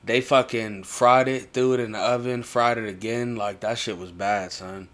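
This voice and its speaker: Young adult American male, lowish voice, casual foul-mouthed bro talk full of slang. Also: steady tone, normal speed, fairly bright tone. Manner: slangy, swearing, bro-heavy banter. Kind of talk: casual chat.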